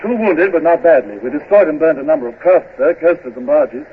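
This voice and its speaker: Brisk, tinny naval raider actor. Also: male voice, a little high, animated, close to an everyday voice. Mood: urgent report. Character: dutiful British naval raid leader reporting back briskly. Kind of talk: radio drama acting. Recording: tinny, noisy old radio recording.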